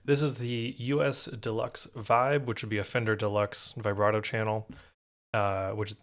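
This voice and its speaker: This man's fairly low voice has little pitch movement, a normal speed and a fairly bright tone. As a podcast host on a live stream, he casually walks through a guitar pedal demo, rambling and correcting himself.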